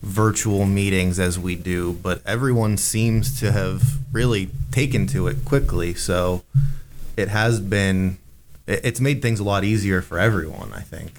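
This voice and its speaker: A man's voice: low voice, a little slow, a little hiss or hum. A man hosting a radio show, talking and asking questions in a casual interview style.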